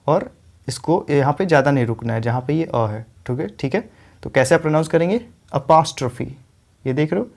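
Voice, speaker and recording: A man teaching an English lesson, explaining pronunciation step by step and repeating each word slowly for his viewers. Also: fairly high pitch, gravelly, darkish tone. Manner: often adds "ठीक है" and addresses viewers as friends.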